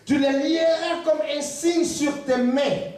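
A man preaching a fervent sermon as pastor, pausing in short phrases for his interpreter and rising to shouts. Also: very high-pitched, steady tone. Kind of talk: sermon in French with live interpretation. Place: large church hall with stage. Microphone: handheld mic, filmed from far. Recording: very echoey church hall, distant mic.

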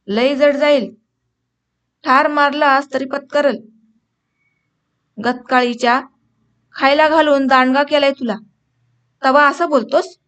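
A woman's voice: high-pitched, fairly even intonation, takes it slowly, long pauses, a bit bright, muffled recording. A woman reading a harsh angry village father. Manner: harsh, scolding.

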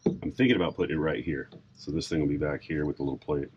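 A middle-aged man casually explaining a boat project outdoors in a sailboat cockpit, relaxed and rambling with frequent fillers. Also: rumbling low, fast, muffled recording. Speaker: sailboat owner and vlogger. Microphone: camera on a mount a few feet away. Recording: outdoor recording with background noise.

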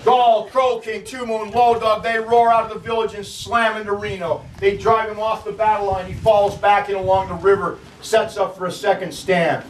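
High-voiced ranger telling history dramatically. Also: male voice, flat delivery, normal speed, few pauses. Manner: vivid, acts out quotes. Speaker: park ranger. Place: outdoor battlefield site. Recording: echoey, distant from mic, faint noise.

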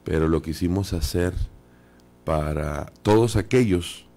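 A man's voice: deep voice, measured pace, warm tone. A man, a dubbing studio director, speaking earnestly in a radio interview with many fillers. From Sonora, Mexico.

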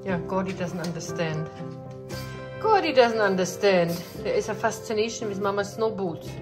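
At home in the hallway, a woman chats casually with her dogs in doting baby talk, repeating her phrases as music plays in the background. Her voice is medium-pitched and lively, at a normal speed. She's a pet owner narrating a home video, filming from behind a handheld phone camera.

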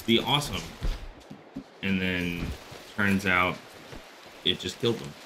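A man's voice: deep voice, steady tone, takes it slowly, noisy background. A man in his thirties giving casual gameplay commentary as a streamer, close on a headset mic in a small room. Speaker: game streamer. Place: small bedroom, indoors.

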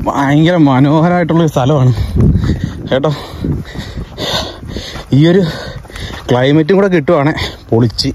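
A man's voice: mid-range voice, muffled recording. A man with a Kerala accent narrating a casual travel vlog, mixing English words into his Malayalam. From Kerala, India. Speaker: travel vlogger. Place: outdoors on a hill path. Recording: noisy outdoor handheld recording.

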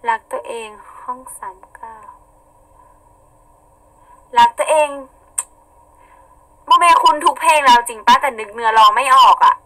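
A young woman with a husky voice, chatting casually on a live stream, reading out viewer comments and laughing often. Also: a little high, brisk, few pauses, pushed and bright, poor audio. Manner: chatty, giggly, playful. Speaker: idol singer on a live stream.

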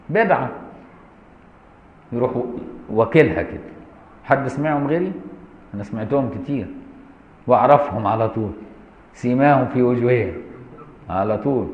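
Egyptian man, religious lesson, teasing asides, reverberant hall, dull lo-fi sound. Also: medium pitch. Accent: Egyptian Arabic. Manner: colloquial and mocking asides between text readings. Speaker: Islamic law teacher. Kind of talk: classroom commentary on a law text. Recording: roomy lo-fi lecture hall recording.

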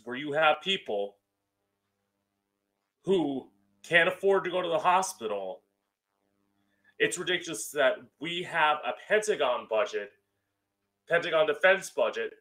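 A male drag queen host with a slightly high, bright and forceful voice. He speaks in a campy, opinionated way, delivering an emphatic solo monologue close to a studio mic at home. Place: small room at home, indoors. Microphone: close studio mic on boom arm with pop filter.

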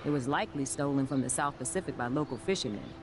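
A caring science teacher in a video game, explaining things in a measured, earnest way. Her voice sits low for a woman, and clear noise runs behind the game audio. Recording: game audio under a livestream, with background noise.

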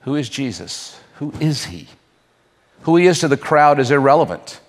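A man preaching a sermon, asking the crowd rhetorical questions and leaving dramatic pauses. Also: medium pitch, big pitch swings, in a large hall. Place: church hall.

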